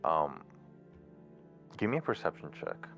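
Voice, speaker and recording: A man's voice: extremely low pitch, huge pitch swings, a little slow, vocal fry, over music. A man running a tabletop role-playing game on stream, talking casually with many fillers and the odd swear. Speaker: game master.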